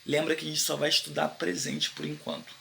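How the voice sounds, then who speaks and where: A man with a Brazilian Portuguese accent teaching a casual online English lesson, speaking in slangy informal Portuguese and slowly repeating the English phrases for his learners. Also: a little high, lively intonation, vocal fry, bright, forceful tone, a little hiss or hum. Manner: slow, drawn-out repetition of English phrases for learners; informal, slangy Brazilian Portuguese with frequent "beleza?" check-ins.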